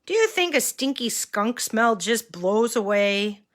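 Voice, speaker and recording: A woman reads a children's picture book aloud as if to a toddler, expressively and with an engaging, questioning manner. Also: a little high. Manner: reading to a toddler, slow and expressive with questions to young listeners. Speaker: children's story reader.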